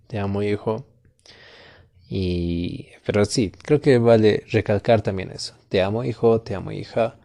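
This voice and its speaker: A man from Latin America hosting a Spanish-learning podcast as a tutor, speaking slowly and clearly, patiently repeating words for his learners. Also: fairly low pitch, dark tone, dry recording, studio quality. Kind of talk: slow, clear teaching podcast.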